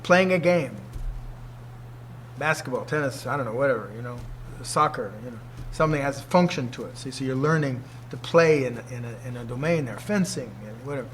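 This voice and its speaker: With a medium-pitched voice and a brisk pace, a man in his sixties addresses his martial arts students informally. He's emphatic and likes asking rhetorical questions. A slight hiss or hum runs under the audio.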